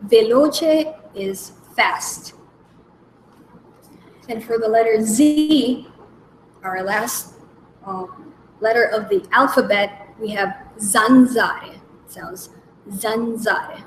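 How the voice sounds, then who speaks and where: A woman hosting a language lesson, slowly naming each letter and repeating example words with care. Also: a little high, slight background noise. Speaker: language segment host. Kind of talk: slow, careful alphabet lesson. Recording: echoey room with faint background ambience.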